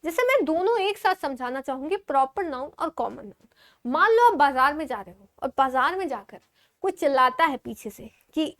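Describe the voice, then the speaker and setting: Woman teacher, very high-pitched voice, exam-prep lesson, asks and answers her own questions, mixes in English words. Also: very animated, normal speed, a bit bright. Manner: affectionately calls students babu.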